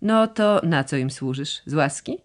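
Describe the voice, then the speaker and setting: A woman voicing a calm, cold and stern giant of a man who speaks in short, blunt questions, in an audiobook. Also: deep voice, unhurried. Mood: curt.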